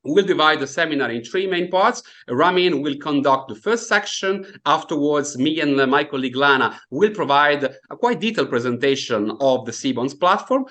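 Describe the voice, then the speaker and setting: An Italian man in his thirties with an Italian accent hosts an online finance seminar over a video call from a room at home. His voice is on the high side and fairly bright, with lively intonation, a moderate pace and few pauses, though he uses many fillers and hesitations.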